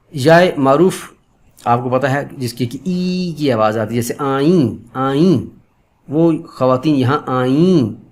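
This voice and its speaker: Guy teaching pronunciation online, mid-pitched voice, says sounds over and over, patient and polite. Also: a little mellow. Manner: explains patiently, repeating example sounds slowly; addresses viewers politely as friends.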